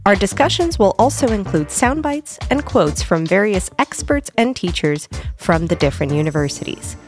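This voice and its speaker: A woman's voice: medium pitch, big pitch swings, normal speed, darkish tone, faint music behind. A woman in her twenties moderating a student podcast, friendly and conversational with some filler words. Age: 20s.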